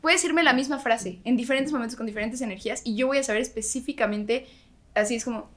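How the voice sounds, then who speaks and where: A woman's voice: fairly high pitch, fast talker, fairly bright tone. A young woman, an adult daughter guesting on a podcast, talking enthusiastically in casual chat.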